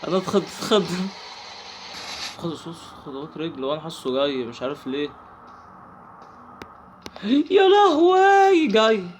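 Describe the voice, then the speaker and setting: Young Egyptian male gamer, fast horror commentary, high lively voice, easily spooked. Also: noisy background. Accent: Egyptian Arabic. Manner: jumpy, talks to himself and the game, yelps when startled. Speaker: gaming channel host. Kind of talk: horror game let's play commentary.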